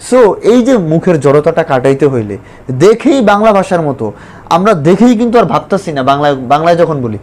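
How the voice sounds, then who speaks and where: Emphatic high-voiced teacher. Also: male voice, a little mellow. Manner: emphatic, repetitive, slowly spells out English examples. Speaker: spoken English teacher. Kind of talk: online lesson.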